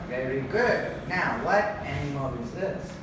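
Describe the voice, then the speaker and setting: A woman teacher slowly prompting a young child with short, simple questions, as if reading to a toddler. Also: deep voice, expressive. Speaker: kindergarten English teacher. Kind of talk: simple call-and-repeat lesson for a young child. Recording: echoey room, distant mic, noisy.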